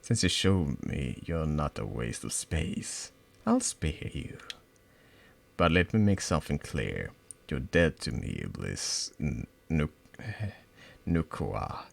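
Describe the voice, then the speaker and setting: This is a spiteful teenage girl who turns on her friend in a role-playing game, put on by a man. She mocks and threatens in a cold, unhurried way. The voice sits extremely low and rough, with lively swings in pitch. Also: full character voice. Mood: menacing. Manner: taunting, cold and menacing.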